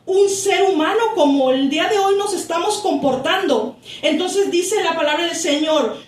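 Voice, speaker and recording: A woman pastor preaching a sermon, slowly reading scripture aloud and explaining it to her congregation, calling them brothers. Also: extremely high pitch. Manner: slow, deliberate reading that stretches key words, with asides to the congregation. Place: church. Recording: echoey church room, voice from a distance.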